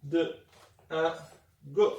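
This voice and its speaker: Heard from a distance in an echoey room with music playing, a male fitness instructor leads a live class. His voice sits high for a man as he counts down the reps and calls out breathing cues. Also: drawn-out words, a little mellow, highs cut off, a little hiss or hum. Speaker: fitness coach leading a home workout class. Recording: roomy, distant mic with music. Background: workout music.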